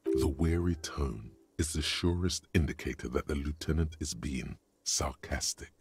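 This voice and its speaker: A man voicing a grave, omniscient inner-voice narrator in a video game, speaking in a slow, ominous and wry way. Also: extremely low pitch, a little mellow, slightly rough, heavily acted. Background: music.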